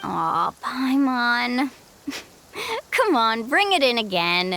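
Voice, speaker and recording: Confident high-voiced young guide, Mualani. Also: female voice, big pitch swings, very slow, very noisy, heavily acted. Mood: touched, cheerful. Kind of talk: anime video game voice acting.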